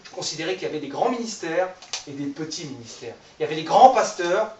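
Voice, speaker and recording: A man's voice: a little high, lively intonation, fast, dull audio, slight background noise. Man in his thirties, informal preacher, chatty and self-mocking, heard from a distance in a roomy hall. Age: 30s. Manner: conversational, self-deprecating, jokes with the audience. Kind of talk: informal sermon. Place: church hall. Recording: echoey room, voice from far off the mic.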